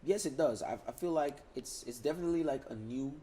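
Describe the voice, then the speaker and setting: A young Dutch man, a music artist, chats casually in a podcast interview at medium pitch and a brisk pace, with a little hiss or hum in the audio. He's relaxed, uses many fillers, and often repeats and restarts his words.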